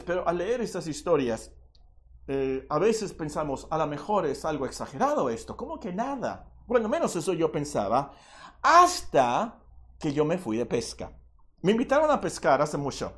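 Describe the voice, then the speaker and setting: A preacher giving a Bible lesson to children and adults, telling stories with playful asides. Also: mid-range voice. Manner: animated storytelling with playful asides.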